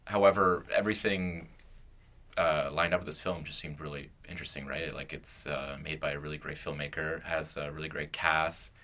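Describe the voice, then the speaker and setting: Very deep, bright-toned young man. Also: steady tone. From Canada. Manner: halting, with frequent "um"s. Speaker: podcast co-host. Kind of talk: casual chat.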